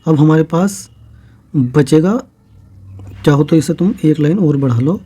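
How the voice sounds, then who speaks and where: A man's voice: on the high side, unhurried, breathy edge. A man teaching a maths lesson for exam preparation, explaining each step plainly and checking in often. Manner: steady step-by-step explaining with frequent "theek hai" checks.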